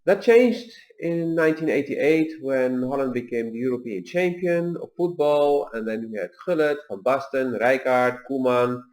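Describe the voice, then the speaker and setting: A man in his forties, raised in Tunisia, hosting a video and telling personal stories in a calm, measured way with pauses and fillers. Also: mid-range voice. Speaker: video host. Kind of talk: personal reflective talk.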